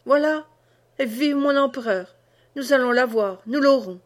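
A woman's voice: high voice, measured pace. Ratapoil, a woman doing a drunk old soldier-worshipper. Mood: boastful. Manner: hiccuping, blustering oaths. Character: drunk old Bonapartist peasant man, boastful.

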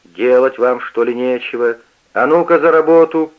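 A man's voice: medium pitch, sing-song, unhurried, voice pushed up. A man voicing a stern, domineering old father who barks orders, on a dull lo-fi radio recording. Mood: gruff. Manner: barking orders.

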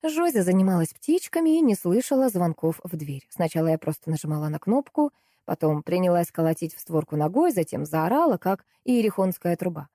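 A woman reading a first-person story aloud as an audiobook, in a lively, ironic storytelling manner. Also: on the low side, fairly quick, dry recording, clean studio sound. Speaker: audiobook narrator.

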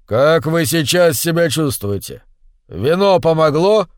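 A man voicing a dignified hermit who has lived by a waterfall for decades, speaking loudly, almost shouting. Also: medium pitch, slow pace, no echo, studio quality, natural voice. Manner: loud, near-shouting delivery.

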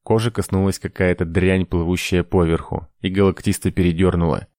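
A male audiobook narrator reading in an even, measured way. His voice is deep and low. The recording is dry, with no room sound. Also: no echo. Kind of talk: scripted narration.

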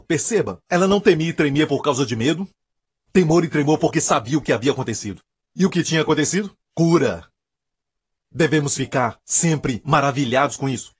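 A fairly high, husky male voice preaching with emphatic, repeated phrases. He sounds close and dry, with little room around him, as he drives each point home. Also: no room sound. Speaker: pastor. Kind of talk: sermon.

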